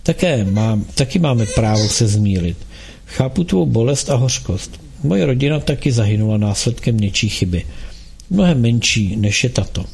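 A gentle, mysterious young man who speaks with calm, earnest persuasion, as a male audiobook reader puts him on. The voice is gravelly and a little husky, kept close to plain reading. He sounds steady and kind. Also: medium pitch. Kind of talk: audiobook dialogue.

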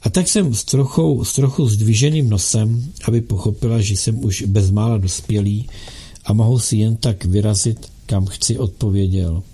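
A man reading a novel aloud as an audiobook narrator, in a steady, measured way. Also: fairly low pitch, slightly rough.

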